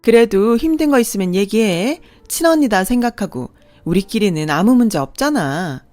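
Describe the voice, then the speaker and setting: A woman voicing an elder sister-in-law who sounds kind and reassuring, a little higher than her own voice, in a radio drama. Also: animated, moderate pace, dry recording, soft background music, natural voice. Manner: gentle, reassuring.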